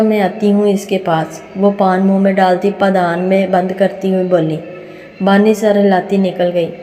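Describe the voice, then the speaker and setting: A woman reads a romance novel aloud at a steady pace. Her voice is mellow and nearly monotone. A long reverb fills the room. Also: medium pitch. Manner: steady, even narration. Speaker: storyteller.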